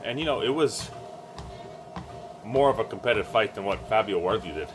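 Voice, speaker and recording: A man giving casual, halting solo sports commentary, thinking aloud while exercising on a treadmill. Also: on the low side, animated, rough recording. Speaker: boxing vlogger giving fight predictions. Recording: music playing behind the voice.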